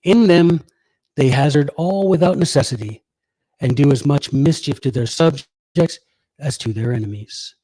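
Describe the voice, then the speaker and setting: A man with a dark, mellow voice of middle pitch reads an old essay aloud. He is formal and measured, recorded very dry. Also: no echo, rough recording. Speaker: reader.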